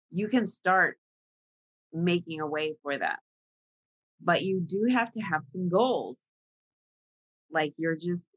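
A woman hosts an interview with a bright, clear tone and a lively rise and fall in her voice. She encourages her guest warmly and sums things up for her listeners. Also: on the low side, dull audio. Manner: encouraging, affirming, sums up for the audience. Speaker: podcast host. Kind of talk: interview conversation.

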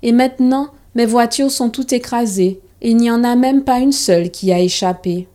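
A woman voicing a stubborn little boy who loves his toy cars, speaking in a high, childish, whining tone. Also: moderate pace, dark tone, lightly acted. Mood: distressed.

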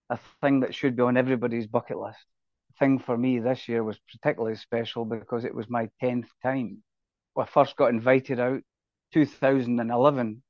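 A man's voice: medium pitch, no echo. Older Scottish man, dull lo-fi sound. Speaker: podcast guest, rugby referee. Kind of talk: casual interview chat, anecdotal.

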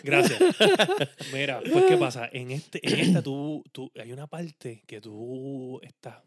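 Animated man telling stories. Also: medium pitch, unhurried. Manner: animated storyteller, mixes in English words. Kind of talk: casual chat.

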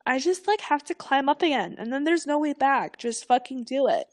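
A young woman co-hosting a podcast, telling stories in a lively, animated way, laughing often and swearing freely. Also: high-pitched, normal speed. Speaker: podcast co-host. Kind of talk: casual podcast chat.

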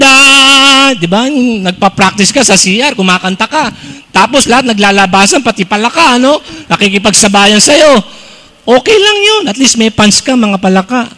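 A man's voice: sits high, poor audio. A middle-aged man preaching a humorous sermon to a congregation, mixing Tagalog with English phrases and calling out to the crowd. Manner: joking, animated preaching with call-outs to the crowd. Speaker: pastor.

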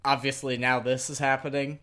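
A man's voice: mid-range voice, level tone, a little fast, sharp tone. A man co-hosting a podcast, giving his opinions on an episode in informal chat. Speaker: podcast co-host. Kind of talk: casual opinionated review chat.

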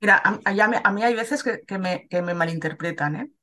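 A woman's voice: medium pitch, brisk, fairly bright tone. A woman from Spain, a dog trainer, explaining things in a casual chat and often checking in with her listener.

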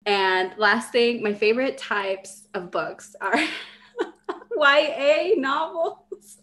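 A young woman from Mexico co-hosting a casual podcast chat, enthusiastic and quick to laugh, swearing freely. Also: fairly high pitch, animated, a bit bright. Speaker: podcast co-host.

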